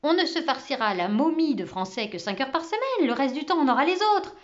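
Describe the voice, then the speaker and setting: A woman voicing a lively cheeky schoolboy who talks quickly and excitedly. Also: extremely high pitch, dull audio, pitched above the performer's own voice, exaggerated voice.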